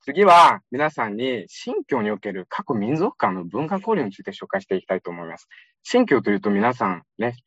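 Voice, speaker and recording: A man's voice: fairly low pitch, fairly bright tone, husky, no echo, highs cut off. A young man from Xinjiang, China, giving a chatty public lecture and often turning to his audience with asides. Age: young adult.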